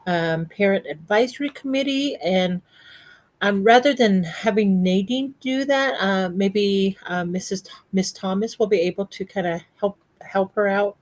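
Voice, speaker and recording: A woman's voice: medium pitch, a little mellow. A woman chairing a school board meeting, hesitant and full of ums.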